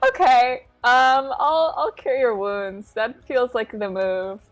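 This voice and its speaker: Slow-talking young woman player. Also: fairly high pitch, soft background music. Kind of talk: casual chat in a tabletop game.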